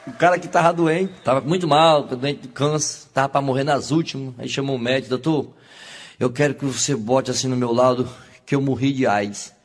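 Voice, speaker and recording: A man telling a string of jokes, animated and jumping into high shouted voices for the characters. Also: a little fast. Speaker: comedian.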